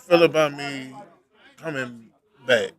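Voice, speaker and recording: A man's voice: medium pitch, a bit bright. Hesitant man speaking off-mic. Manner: hesitant, halting. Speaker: guest.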